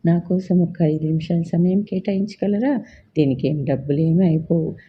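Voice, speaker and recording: A man's voice: on the high side, moderate pace, muffled recording, slight background noise, close to an everyday voice. A storyteller voicing a cheerful young man who teases and coaxes a woman. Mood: coaxing. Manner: teasing, coaxing.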